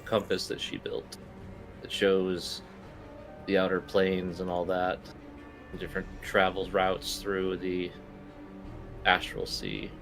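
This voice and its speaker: A man with a fairly low voice runs a tabletop role-playing game. He improvises scene descriptions as game master. Faint music sits under his narration. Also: a bit bright, poor audio.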